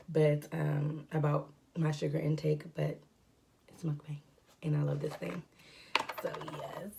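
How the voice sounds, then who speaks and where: Low, gravelly woman chatting while eating. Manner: rambling, filler-heavy, relaxed. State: congested, breathing heavily from a cold. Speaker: mukbang vlogger. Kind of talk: casual chat while eating. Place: at home indoors.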